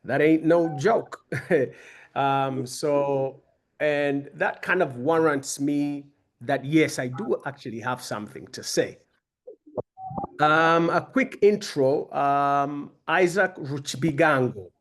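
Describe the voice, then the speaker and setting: A man's voice: on the high side, slow. A man in his fifties from Uganda, giving a conversational, self-deprecating personal talk to young people as a guest speaker. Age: 50s.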